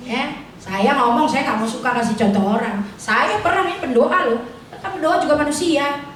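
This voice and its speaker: Middle-aged woman, informal chatty sermon, fairly high voice, booming hall echo, distant mic. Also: normal speed, slight background noise. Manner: chatty, colloquial, asks the congregation questions. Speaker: preacher at a prayer fellowship service. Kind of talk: informal sermon with personal testimony. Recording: echoey hall, voice picked up from afar.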